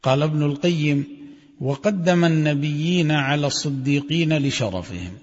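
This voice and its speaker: A man teaches from a classical text, reading each passage and then explaining it phrase by phrase. His voice sits a little high, and he breaks into a melodic chant for quotations. The sound is muffled and carries a long hall echo. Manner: measured, recites quoted passages with melodic chanting. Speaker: religious teacher. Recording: dull audio with long hall reverb.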